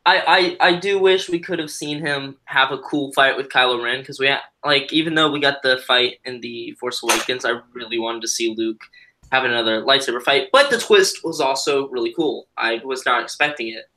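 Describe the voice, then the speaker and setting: A man's voice: medium pitch, moderate pace, pushed and bright. A man chatting casually as a guest on a live stream, rambling and cutting himself off mid-thought. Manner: rambling, self-interrupting. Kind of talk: casual chat.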